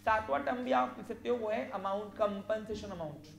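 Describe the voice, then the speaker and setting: A commerce teacher lecturing a class, asking questions and answering them, and slowly dictating definitions. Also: medium pitch, creaky, roomy sound. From Maharashtra, India. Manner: quizzes students, answers own questions.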